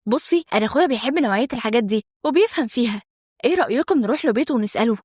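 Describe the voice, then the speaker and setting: A woman's voice: on the high side, animated, rapid-fire, a little mellow, slightly rough, no room sound, studio quality. A woman voicing a curious, kind young woman with an Egyptian accent, talking eagerly and persuasively.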